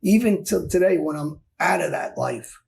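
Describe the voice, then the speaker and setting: A man tells his own story in a candid sit-down interview, speaking bluntly and with emphasis. His voice is deeply gravelly and pitched a little high, and he keeps circling back over his own phrases. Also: normal speed, darkish tone. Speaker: former mob enforcer guest.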